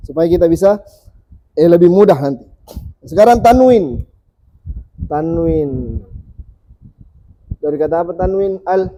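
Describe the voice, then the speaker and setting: Seorang guru mengaji pria yang mengajar kelas dengan sabar, mengulang bunyi huruf perlahan untuk murid-muridnya. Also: male voice, high-pitched, dark tone, poor audio. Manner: patient, repeats sounds slowly for students. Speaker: Quran reading teacher. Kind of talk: teaching a class.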